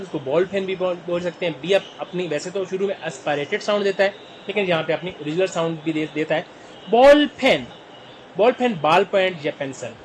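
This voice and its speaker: A man with a Pakistani Urdu accent teaching Korean vocabulary, sounding out each word slowly syllable by syllable. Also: high-pitched, slight background noise, poor audio. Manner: spells words out slowly syllable by syllable. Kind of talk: vocabulary lesson.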